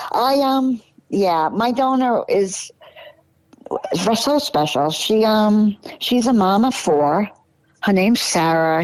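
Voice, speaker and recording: A woman's voice: mid-range voice, a little mellow, no room sound, rough recording. Chatty woman in her sixties, repeating herself. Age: 60s. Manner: chatty, repeats phrases, trails off mid-sentence. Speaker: podcast guest. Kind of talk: casual conversation.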